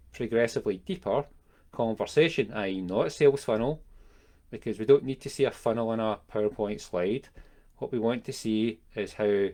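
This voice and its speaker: Low-voiced man musing on marketing terms. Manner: reflective, gently searching for words. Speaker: business coach. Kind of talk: solo talk to camera.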